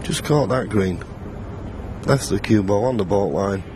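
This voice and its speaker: A man giving understated snooker commentary in a measured, explanatory way. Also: lowish voice. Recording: noisy arena with clear crowd sound.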